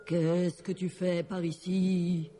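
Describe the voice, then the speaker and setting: The north wind of a children's storybook, a bossy spirit who speaks slowly and blusters, as a woman narrator voices him. Soft music runs underneath. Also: fairly low pitch, level tone. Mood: gruff. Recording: storybook reading over music.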